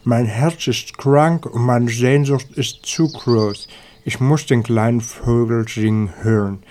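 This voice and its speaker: A man voicing the sad sun in a storybook, slow and mellow. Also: medium pitch, fairly even intonation, slight background noise, lightly acted. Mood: sorrowful. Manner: slow and mournful. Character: sad sun with a sick, longing heart. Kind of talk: storybook reading.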